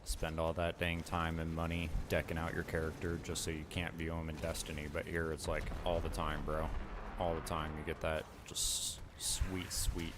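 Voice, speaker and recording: A man's voice: very deep voice, completely flat delivery, moderate pace, noisy background. A man streaming a video game, chatting in a laid-back, casual way as he plays. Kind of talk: casual gameplay commentary.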